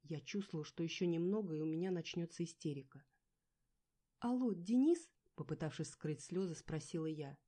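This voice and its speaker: A woman's voice: sits low, steady tone, fast talker, few pauses, warm tone. A woman reading a first-person novel aloud with an emotive, dramatic delivery. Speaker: audiobook narrator.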